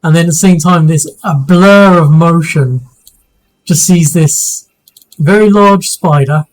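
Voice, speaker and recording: A man narrating a tabletop game as game master, his overly loud home mic clipping and distorting. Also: fairly high pitch. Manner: halting, full of restarts and fillers.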